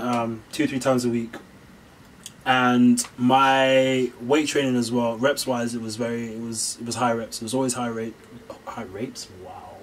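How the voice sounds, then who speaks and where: Laid-back young man, mid pitch. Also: distant mic, rough recording. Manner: laid-back, explains loosely. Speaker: host. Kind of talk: casual chat.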